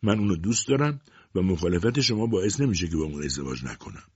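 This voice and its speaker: A man's voice: low voice, animated, a little mellow, husky, dry recording. A man voicing a defiant, outspoken young woman who argues with her mother in a storybook reading. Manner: pleading, defiant. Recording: dull dry lo-fi audiobook recording.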